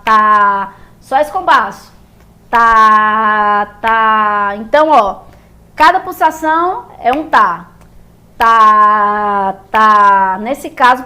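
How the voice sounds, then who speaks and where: Brazilian woman teaching music basics, kinda high voice, patient, keeps checking everyone's following. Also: a bit bright. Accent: Brazilian Portuguese. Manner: patient, repeats and checks in with "beleza?". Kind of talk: explaining music theory at a board.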